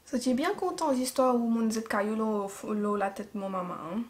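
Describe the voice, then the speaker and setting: A woman's voice: a little high, normal speed. A young woman with a Mauritian Creole accent, chatting casually through a makeup tutorial and improvising her words as she goes. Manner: chatty, improvised, laughs at her own mistakes. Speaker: beauty vlogger.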